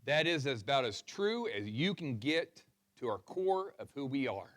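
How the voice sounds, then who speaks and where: A man's voice: medium pitch, very animated, measured pace, fairly bright tone. A male pastor delivering a sermon, passionate and fired up, calling on the congregation to answer back. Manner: passionate, fired-up preaching with crowd call-and-response.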